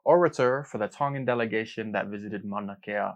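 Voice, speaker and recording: A young man with a voice on the low side of average hosts a casual podcast. He talks in an upbeat, joking manner with easy slang. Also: a little fast, faint music behind. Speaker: podcast co-host.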